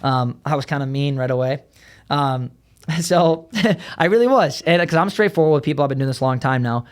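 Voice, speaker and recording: A man who founded an ad agency, a podcast guest telling blunt, fast stories full of "right?". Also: medium pitch, clean tone. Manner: blunt, fast storytelling with many "right?" tags. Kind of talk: casual podcast conversation. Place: podcast studio.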